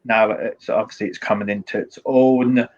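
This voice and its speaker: A man's voice: on the low side, fairly even intonation, normal speed, darkish tone, highs cut off. A man with a strong Scottish accent giving informal, matter-of-fact tech advice as a guest, with a wry touch. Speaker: IT support director, guest. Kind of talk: informal explanatory talk with tips.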